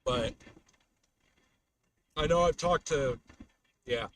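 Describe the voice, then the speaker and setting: A man's voice: a little high, takes it slowly, fairly bright tone. Storm chaser man rambling over car noise. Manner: rambling, trailing off mid-thought. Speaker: storm chaser live streamer. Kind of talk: casual unscripted livestream chat while driving. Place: inside a moving car. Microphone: webcam microphone in car. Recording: noisy car, distant webcam mic.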